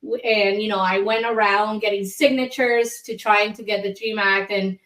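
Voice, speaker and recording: A woman's voice: mid-range voice, fairly even intonation, normal speed, a bit bright, echoey room. A woman from Colombia, an immigration attorney, talking candidly as a guest in an interview with frequent fillers. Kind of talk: casual interview.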